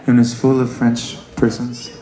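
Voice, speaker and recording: A man's voice: medium pitch, moderate pace. Man telling a wry story onstage. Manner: animated, wry, with many fillers. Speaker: musician. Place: large ballroom venue. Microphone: stage microphone. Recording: echoey live hall with loud crowd. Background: audience laughing.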